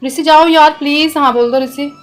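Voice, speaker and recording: A mother in her thirties talking gently with her young son in a casual family vlog, soothing and coaxing him. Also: high voice, steady tone, moderate pace, faint music behind. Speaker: vlogger, mother.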